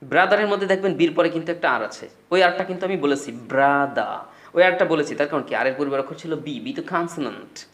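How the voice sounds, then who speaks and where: A man's voice: a little high, quick pace, fairly bright tone. A man teaching a spoken English lesson, explaining patiently and repeating words as drills.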